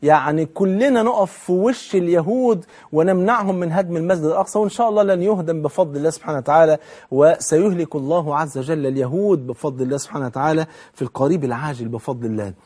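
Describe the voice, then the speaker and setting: A man's voice: fairly high pitch, rapid-fire, a little mellow, breathy edge. A man with an Egyptian accent preaching an impassioned televised sermon, asking and answering his own questions.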